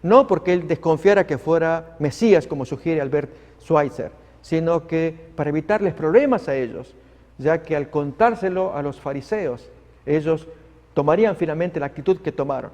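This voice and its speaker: A man's voice: on the high side, moderate pace, a little mellow, big-room sound. A male preacher delivering a sermon, emphatic and vivid, addressing listeners as friends.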